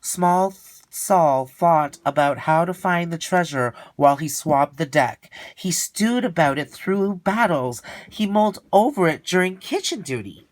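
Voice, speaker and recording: Narrating a children's storybook, a man with a slightly high voice takes a leisurely pace. He performs it theatrically, stretching words to stress them, and the recording is dry.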